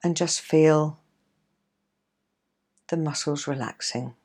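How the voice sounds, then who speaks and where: A woman coach leading a guided relaxation exercise in a gentle, soothing, measured way, leaving pauses between phrases. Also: low-pitched, steady tone, slightly rough. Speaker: coach and podcast host.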